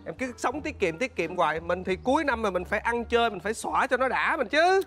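A man's voice: very high voice, very animated, a little fast, a bit bright, faint music behind. Enthusiastic man. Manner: persuasive, enthusiastic, repeats words. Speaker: neighbor in a comedy sketch. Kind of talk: comedy sketch acting.

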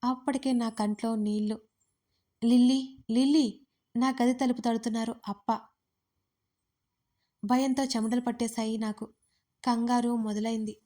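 A woman telling a first-person romance story with expressive, dramatic delivery. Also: a little high, moderate pace, long pauses.

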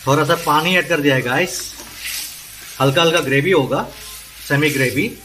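A man's voice: fairly high pitch, moderate pace, noisy background. A man with an Assamese accent presenting a casual cooking vlog at home, talking eagerly about the smells and flavours as he cooks. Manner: enthusiastic, exclaims over the smells and flavours. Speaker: cooking vlogger. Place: home kitchen. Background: food sizzling and frying.

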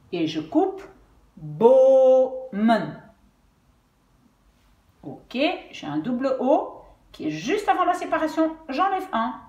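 A woman's voice: medium pitch, darkish tone, muffled recording. A woman teaching Dutch spelling, patiently sounding out words syllable by syllable. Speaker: language teacher. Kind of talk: explaining Dutch spelling at a whiteboard. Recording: echoey room.

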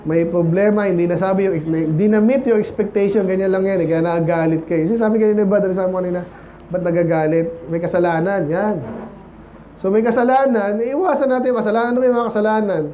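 High-voiced preacher in a casual sermon. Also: male voice, steady tone, quick pace, dull audio, a little hiss or hum. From Philippines. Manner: casual, asks the congregation "di ba?" and "Amen?". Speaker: pastor. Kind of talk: conversational Baptist sermon. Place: church.

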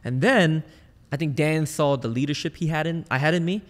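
On a podcast, a sales trainer and entrepreneur from Malaysia shares personal stories in a relaxed, chatty interview. He speaks briskly in a voice on the high side, and the recording carries a long reverb tail.

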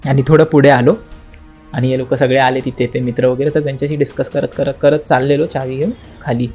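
A man's voice: medium pitch, flat delivery, fast talker, a little mellow, husky, faint music behind. A young man, a podcast guest, telling a spooky story in casual talk, acting out the quotes and the knocking, with English words mixed into his speech. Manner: dramatic retelling, acting out quotes and knocking sounds.

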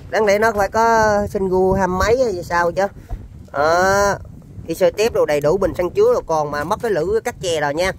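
A man's voice: sits high, slight background noise. A man with a Southern Vietnamese accent giving an informal sales demonstration of used machinery, in chatty, repetitive patter.

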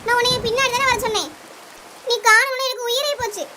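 A woman's voice: extremely high pitch, fairly even intonation, brisk, sharp tone. An anxious village mother. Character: caring village mother, adult woman, anxious and warm. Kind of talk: cartoon voice acting.

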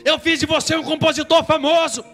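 A preacher voicing a male demon who mocks, gloats and shouts threats. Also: very high-pitched, fairly even intonation, brisk, soft background music, pitched above the performer's own voice. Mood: gloating. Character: mocking menacing male demon.

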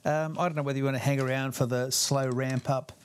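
Male amp tech talking viewers through a bench repair: conversational, mid-pitched, explains as he works, pokes fun at himself. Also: flat delivery, fast, background noise. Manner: chatty, explains step by step while working. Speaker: guitar amp repair technician. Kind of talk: hands-on repair tutorial.

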